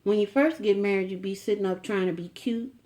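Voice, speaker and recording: A woman's voice: medium pitch, a little fast, dark tone. Folksy chatty middle-aged woman. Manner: folksy, chatty, with asides to viewers and teasing questions to her husband. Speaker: vlogger. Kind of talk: casual chat to camera.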